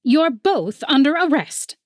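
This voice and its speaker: A woman voicing a stern winged female police officer who barks her words slowly and emphatically. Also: sits high, sing-song, no echo, clean studio sound, voice pushed up. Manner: barking, slow and emphatic.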